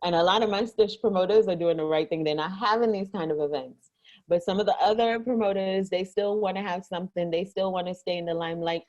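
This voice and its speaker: A woman's voice: fairly low pitch, fast talker, darkish tone. Exasperated woman ranting casually, repeats herself for emphasis, kinda muffled lo-fi sound. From Guyana. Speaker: co-host of an online rant show. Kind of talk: comedic casual rant with a friend. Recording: dull lo-fi audio.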